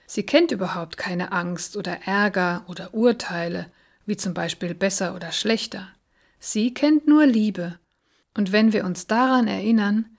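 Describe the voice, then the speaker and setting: A woman voicing a gentle, wise animal friend in a storybook reading, explaining calmly and patiently. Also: medium pitch, close to an everyday voice.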